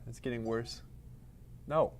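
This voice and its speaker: A man of ordinary middle pitch chats loosely to his live-stream viewers. He talks partly to himself as he fusses with the camera setup and pokes fun at himself. A faint room hum sits behind him. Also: fairly even intonation, measured pace. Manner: rambling, self-deprecating, talking to himself while adjusting the camera. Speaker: livestream host. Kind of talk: casual live-stream chat. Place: indoor studio space at a workplace.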